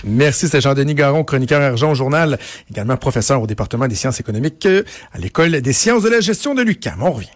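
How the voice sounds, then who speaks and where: A Québécois radio host with a medium-pitched man's voice, asking questions in a loose, chatty way. His sentences wander and circle back. He is recorded close and dry. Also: expressive, quick pace, no room sound. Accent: Québécois French. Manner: conversational, many fillers and restarts. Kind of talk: radio interview.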